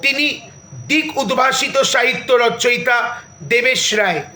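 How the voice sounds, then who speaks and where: A man narrating a reflective literary memoir in a measured, bookish storytelling manner, with asides to the listener. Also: very high voice, pushed and bright, roomy sound, rough recording.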